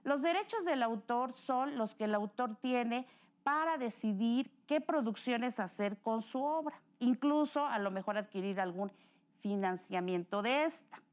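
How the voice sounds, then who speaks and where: Mexican woman teacher, patient explainer, fairly high voice. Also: animated, measured pace. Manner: patient, explanatory, self-correcting with "perdón". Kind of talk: recorded classroom lesson.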